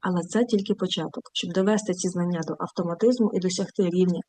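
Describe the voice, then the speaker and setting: A woman teacher giving an online language lesson, explaining grammar and then modeling example phrases slowly and clearly. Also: fairly low pitch, fairly even intonation, warm tone, no room sound, rough recording. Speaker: German teacher.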